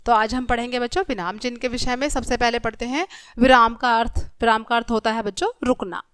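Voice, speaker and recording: A woman teacher giving a grammar lesson to young children, speaking to them directly and reading example sentences slowly and clearly. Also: a little high, steady tone, a bit bright, dry recording.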